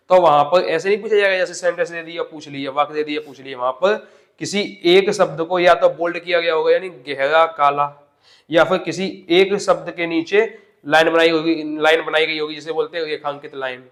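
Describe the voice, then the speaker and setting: A man's voice: a little high, a bit bright. A man teaching an exam-prep grammar lesson step by step, asking questions and answering them himself.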